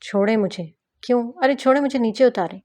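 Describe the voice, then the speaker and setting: A woman's voice: fairly high pitch, darkish tone, pitched above the performer's own voice, natural voice. A woman voicing a small, hot-tempered young wife who scolds emotionally in an audiobook reading. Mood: protesting.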